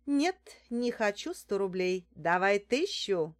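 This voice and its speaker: A woman reading an audiobook, voicing a disguised female fortune-teller with a squeaky, theatrical, wheedling way of talking. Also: big pitch swings, measured pace.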